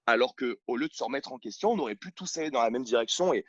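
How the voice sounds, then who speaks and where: A man's voice: medium pitch, animated, fast talker, a bit bright, breathy edge, no echo. Blunt male coach from France, emphatic and outspoken, dry and slightly dull home recording. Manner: blunt, emphatic, many restarts and fillers. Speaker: CrossFit coach and gym owner. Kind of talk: outspoken interview talk. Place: at home on his sofa. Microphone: own camera.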